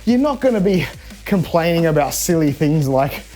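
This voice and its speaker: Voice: medium pitch, very animated, normal speed, warm tone, soft background music. An instructor coaching a live home workout, chatty and encouraging while demonstrating the moves. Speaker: fitness instructor.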